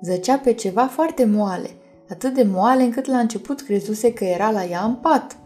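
A woman narrating a fantasy audiobook in a calm, measured reading. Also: fairly high pitch, soft background music. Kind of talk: scripted storybook narration.

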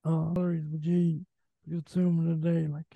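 Young west of ireland guy hosting a sports chat, flat husky voice, muffled lo-fi audio. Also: on the high side, a little fast, no room sound. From Galway, Ireland. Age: late teens. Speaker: podcast host. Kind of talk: casual sports interview.

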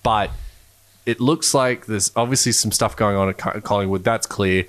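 A man's voice: lowish voice, normal speed. A man in his thirties with an Australian accent, co-hosting a casual sports chat with dry, wry banter. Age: 30s. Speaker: podcast co-host.

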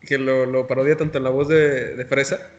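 A man's voice: mid-range voice, little pitch movement, moderate pace, muffled recording. A young man with a Guadalajara Mexican accent, co-hosting a podcast in casual, profane chat and laughing often as he talks. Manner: slangy, profane, laughs often while talking. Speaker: podcast co-host.

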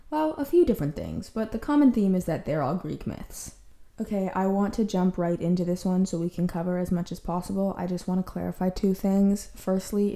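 Mellow woman podcaster in an echoey empty room. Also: medium pitch. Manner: wry, playful teasing with sarcastic asides. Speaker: podcast host. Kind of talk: casual, chatty comedic storytelling. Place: indoors, empty room in a new home.

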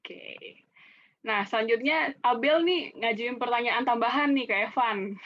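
A woman's voice: fairly high pitch, a little slow. Young woman moderating a talk show. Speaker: host. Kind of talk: casual talk show hosting. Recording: dull lo-fi sound.

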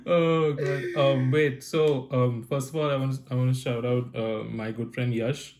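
A young man with an Indian accent and a croaky, hoarse voice, co-hosting a casual podcast chat over a video call, excitable, laughing and swearing a lot. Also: medium pitch, a little slow, a little hiss or hum. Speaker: podcast co-host.

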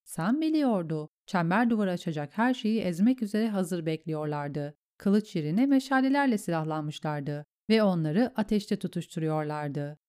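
A woman narrating a fantasy story in a steady, measured way. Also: fairly low pitch, clean tone. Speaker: audiobook narrator. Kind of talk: scripted narration.

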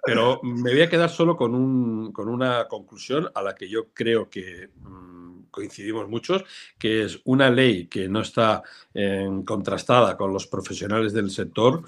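Older man, low-voiced, animated anecdote teller in a live interview. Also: measured pace. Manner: animated storyteller, acts out quoted voices. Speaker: real estate professional, guest. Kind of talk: casual live interview chat.

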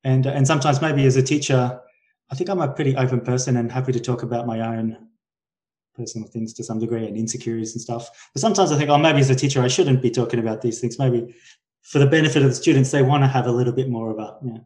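A fast-talking man in his forties from Brisbane, with a Queensland Australian accent, joins a casual podcast interview as a guest. His medium-pitched, slightly mellow voice keeps a fairly even intonation, while his manner is hesitant, full of self-corrections, trailing thoughts, and rephrasing.

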